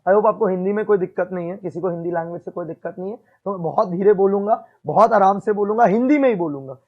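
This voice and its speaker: High-voiced man teaching a class. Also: fast talker, highs cut off. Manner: repeats "ठीक है?" and quizzes the class. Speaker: accounts teacher. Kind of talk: classroom lecture mixing Hindi and English.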